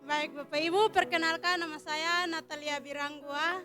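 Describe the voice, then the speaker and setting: A woman's voice: high-pitched, fairly even intonation, normal speed, sharp tone, faint music behind. A woman from Papua politely introducing herself and thanking a church congregation. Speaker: choir member. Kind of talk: short self-introduction in church.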